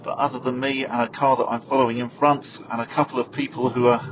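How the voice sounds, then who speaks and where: This is a male radio presenter in a relaxed mood, describing his arrival from a car and on foot outdoors at a stadium before a studio chat about it. He talks fast in a level, mid-range voice, self-deprecating and packed with fillers. The audio is dull with background noise.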